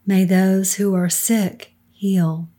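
A middle-aged woman with a soft, soothing, breathy voice, leading a guided meditation in a calm, unhurried manner with hushed phrase endings. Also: medium pitch. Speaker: guided meditation leader, podcast co-host.

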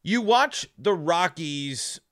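A man delivers sports commentary as a podcast host, with a mouth still numb from the dentist. His voice sits a little high and has a bright, forceful edge. He speaks emphatically, tripping on and repeating words as he goes. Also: animated, slow pace. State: mouth numb from dental work.

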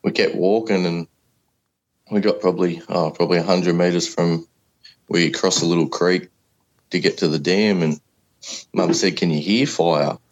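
A man's voice: deep voice, fairly even intonation, normal speed, long pauses, low-quality recording. An Australian man in his thirties telling a story casually, in the plain, colloquial way of a laid-back working bloke. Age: 30s. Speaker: podcast guest. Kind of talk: casual first-person storytelling.

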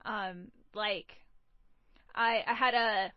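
A woman's voice: medium pitch, steady tone, drawn-out words, no echo, muffled recording. A woman who makes audio dramas, chatting casually and saying "like" often. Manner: chatty, uses "like" a lot. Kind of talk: casual podcast chat.

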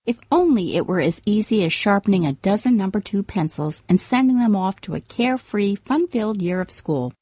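Upbeat woman host with lively, swooping intonation. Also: mid-range voice, fairly quick, hardly any pauses, no echo. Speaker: podcast host giving parenting tips. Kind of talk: scripted advice narration.

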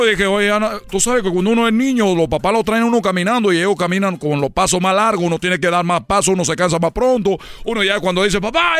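A man's voice: high voice, bright, forceful tone, full character voice. A man voicing a rambling comic character who tells a long story, repeating himself and laughing at his own jokes. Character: rambling man, son of a dictator. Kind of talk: comedy sketch storytelling.

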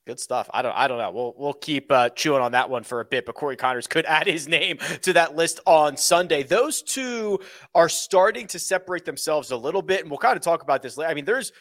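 Higher-voiced man chatting as golf commentator. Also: a little fast, a bit bright, dry recording, studio quality. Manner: conversational, thinks aloud. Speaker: golf podcast host. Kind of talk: casual sports chat and golf commentary.

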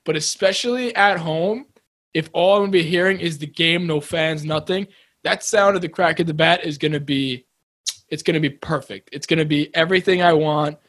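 A young man co-hosting a casual sports podcast, talking in an excitable, rambling, jokey way. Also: on the high side, moderate pace, dry recording, studio quality. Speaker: podcast co-host. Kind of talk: casual chat.

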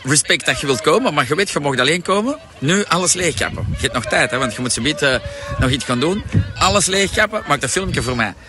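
A man's voice: medium pitch, lively intonation, fast. A middle-aged Flemish man coaching a viewer on a live stream, pushy and insistent, with lots of repeated fillers. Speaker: coach and shop owner. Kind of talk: live-stream sales pitch answering a viewer.

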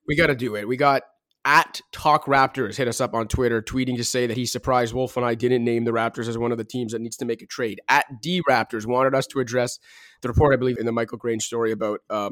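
A man hosts a casual sports podcast with lots of energy, reeling off numbers in long runs. His voice sits at a middle pitch. The recording is close and dry, with no room sound. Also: dry recording. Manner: energetic, talks in long stat-heavy runs. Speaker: podcast host.

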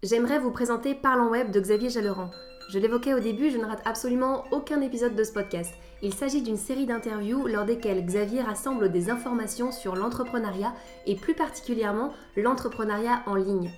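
A woman's voice: fairly high pitch, brisk, soft background music. A woman hosting a scripted podcast lesson, with a wry, playful teacher's tone. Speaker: podcast host.

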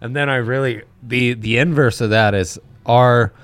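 A man's voice: mid-range voice, fairly even intonation, normal speed, fairly bright tone, clean tone, no room sound. An American man hosting a sports betting show in casual, bantering chat.

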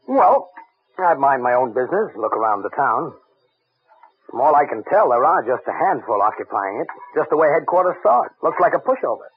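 An actor playing a plain-spoken American wartime secret agent in an old-time radio drama, with hard-boiled delivery. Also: male voice, medium pitch, very animated, fairly quick, a little hiss or hum, natural voice. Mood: casual, alert. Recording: narrow tinny vintage radio, loud music.

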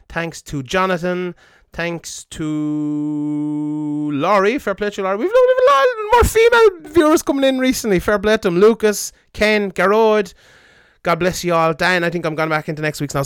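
Hungover Irish podcast host, higher-pitched man. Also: fairly bright tone, clean tone, no echo, clean studio sound. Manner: informal, joking, sweary. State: hungover, rough voice. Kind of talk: casual chat.

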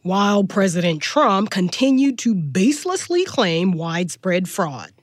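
A woman's voice: mid-range voice, sing-song, measured pace, no echo, clean studio sound. A woman co-hosting a political news podcast as a reporter, conversational, slightly stuffed up from a head cold. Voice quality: slightly stuffy, congested nose. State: getting over a head cold.

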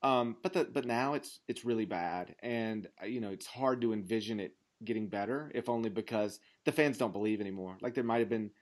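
An American man in his thirties from the Memphis area in the southern United States hosts a sports podcast in casual chat. His voice is lowish and a little fast with few pauses, and he rambles emphatically while saying "like" constantly.

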